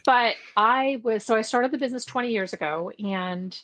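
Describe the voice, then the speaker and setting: Chatty middle-aged woman, softly trailing off. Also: fairly high pitch, moderate pace. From Belgium. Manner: chatty, laughs easily, trails off softly at phrase ends. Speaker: podcast guest, book marketing expert. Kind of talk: casual interview chat.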